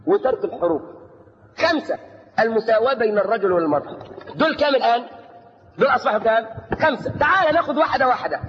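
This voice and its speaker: A man with an Egyptian accent preaching a sermon. He mocks his opponents with shouted outbursts and asks rhetorical questions that leave the last word for the audience. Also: very high voice. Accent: Egyptian Arabic. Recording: dull lo-fi tape in a reverberant hall.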